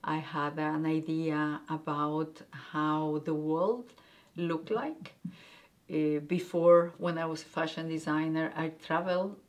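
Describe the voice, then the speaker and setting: A middle-aged Argentinian woman, a native Spanish speaker with an Argentinian accent, is a guesthouse owner being interviewed as a guest. She answers haltingly, hunting for words and using many fillers. Her voice is deep and her intonation fairly even.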